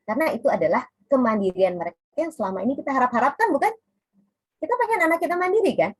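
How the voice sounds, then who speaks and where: Husky mom in her 40s chatting thru a parenting webinar on a video call, voice bounces all over. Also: high-pitched, big pitch swings, racing, no room sound, low-quality recording. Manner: chatty, speaks directly to parents in the audience; mixes in English words. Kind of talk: casual webinar talk.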